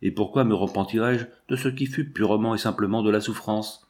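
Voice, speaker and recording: A man's voice: on the low side, fairly quick, darkish tone, close to an everyday voice. A man voicing a dying old man. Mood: defiant. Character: dying old man, weary but defiant.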